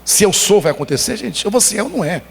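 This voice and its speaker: A Brazilian-accented man preaching a sermon in a church, telling stories with emphatic, animated emotion. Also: high voice, fast talker, vocal fry, breathy edge. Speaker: pastor. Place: church hall. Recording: long church hall reverb.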